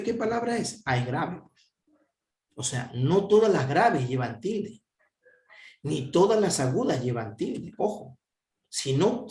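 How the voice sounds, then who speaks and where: In an echoey room, a man with a mid-range voice gives a grammar lesson, speaking slowly and stretching out his syllables. His pitch swings widely as he poses questions and answers them himself.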